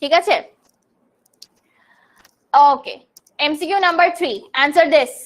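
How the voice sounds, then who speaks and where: A woman's voice: high-pitched, slow. A young woman from Bangladesh teaching a live online grammar class, explaining terms and answering students' chat questions.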